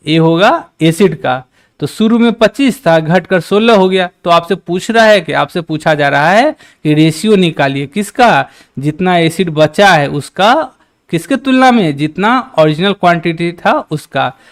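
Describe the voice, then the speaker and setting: A man's voice: sits high, animated, a little slow. A man teaching a live-streamed maths lesson, working through problems step by step and talking with viewers in the chat. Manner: chatty teacher, reads out and teases chat.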